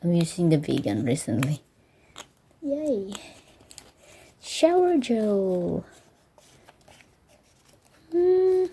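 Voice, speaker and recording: A woman with unboxes small treasures at home before bed, gushing and slipping into whispers. Her voice is slow and mellow with some vocal fry. A faint background noise sits under the recording. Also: mid-range voice. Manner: excited, gushing, often drops to whispers. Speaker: vlogger. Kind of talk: casual unboxing vlog. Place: home, bedroom at night.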